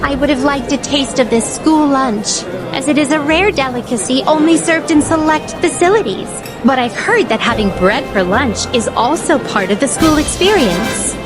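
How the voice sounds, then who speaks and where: A woman's voice: high-pitched, animated, moderate pace, hardly any pauses, over music, a crowd in the background. A woman voicing a poised, curious and naive otherworldly attendant in a video game, speaking in formal, flowery and overly polite phrases. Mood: politely fascinated. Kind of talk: scripted video game dialogue.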